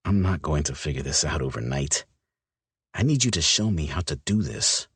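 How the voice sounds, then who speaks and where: A man voicing a gruff, protective werewolf man in an audiobook, talking low, tight and intense. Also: lively intonation, normal speed, a bit bright, dry recording, full character voice. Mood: tender. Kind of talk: audiobook character voice.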